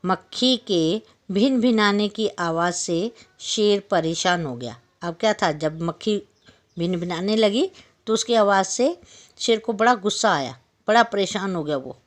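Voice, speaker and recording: A woman's voice: medium pitch, animated, measured pace. A woman teacher telling a story to young children, stopping to explain words and ask the class questions. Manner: explains and retells each line, asks the class questions. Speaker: school teacher.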